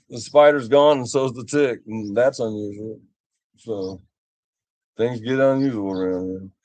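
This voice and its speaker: A man's voice: medium pitch, a little mellow, dry recording, dull audio. An older man, chatting casually on a livestream and telling rambling stories with chuckles. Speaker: vlogger.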